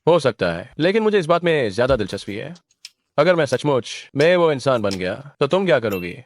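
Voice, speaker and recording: This is dubbed drama dialogue in which a man voices a contemptuous young man who has just come into money, sounding cold and cutting over faint music. His pitch is medium but swings widely, he speaks briskly, and the studio recording is clean and dry.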